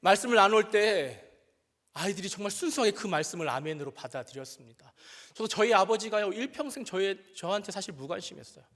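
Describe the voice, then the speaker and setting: A male pastor preaching a sermon with animated storytelling, acting out the voices he quotes and joking at his own expense. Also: high voice, quick pace. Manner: self-deprecating humor. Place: church sanctuary. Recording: reverberant church hall.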